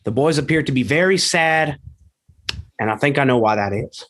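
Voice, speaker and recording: A man's voice: animated, moderate pace, fairly bright tone. A man playing a blustering football coach. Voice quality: gruff, bewildered outbursts, voice cracking high. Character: blustering small-town male football coach, ignorant. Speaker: high school football coach. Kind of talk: comedy sketch interview.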